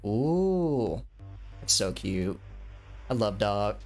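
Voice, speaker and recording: A young man in his twenties live-streams a game, chatting casually in a fairly low, slightly mellow voice that's very animated yet very slow. He rambles, restarting often and leaning on fillers. Faint music plays behind him.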